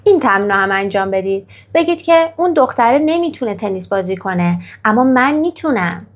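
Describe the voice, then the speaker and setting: A woman teaching English grammar in Persian, who reads English example sentences slowly and carefully and praises the viewer after each exercise. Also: on the high side, lively intonation. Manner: slow, careful model sentences in English, then Persian explanation.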